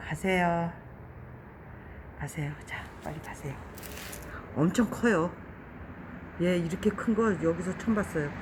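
Woman scolding a beetle outside at night, slow talker, lots of background noise on a phone mic. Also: fairly low pitch. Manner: exasperated, coaxing, talking to an insect. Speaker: vlogger. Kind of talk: casual vlog talk to a beetle.

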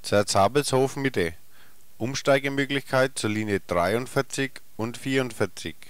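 Preserved on a 1990s cassette, a man with a medium-pitched voice reads scripted bus stop announcements, short formal stop names, in a clipped, formal, neutral way. He speaks unhurriedly, and there is no echo.

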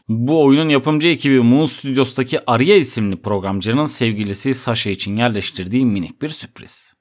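A man with a Turkish accent narrating a scripted video game review in a casual tone, with slangy asides. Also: mid-range voice. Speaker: gaming video host.

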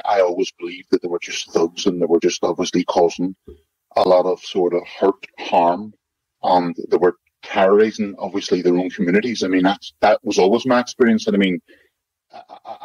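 Interview guest: man in his fifties, identity-disguised deep voice, low and dry, rambling delivery. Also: a little mellow, breathy edge, dry recording. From Northern Ireland, West Belfast. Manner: rambling, hedged with frequent "like, you know". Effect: voice altered to disguise identity, deep and muffled. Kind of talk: remote interview. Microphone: remote secure connection. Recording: lo-fi disguised call audio.

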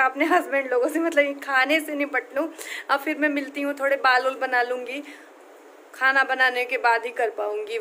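A hoarse woman, chatting casually to her viewers while cooking in her home kitchen, filming on a handheld phone. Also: high-pitched, fairly bright tone, a little hiss or hum, low-quality recording. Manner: chatty, talking straight to viewers. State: hoarse, voice nearly gone. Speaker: vlogger.

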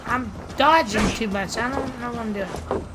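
A young woman with a slightly crackly voice, chatting casually and excitably while playing a game, laughing at her own misses. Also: on the high side, moderate pace. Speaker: gaming streamer. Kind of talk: casual let's-play commentary.

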